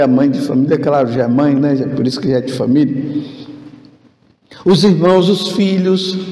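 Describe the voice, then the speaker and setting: A man preaching a sermon as a priest, slow and emphatic, with sudden lifts of his voice. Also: sits high, dark tone. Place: church. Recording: echoey church with long reverb.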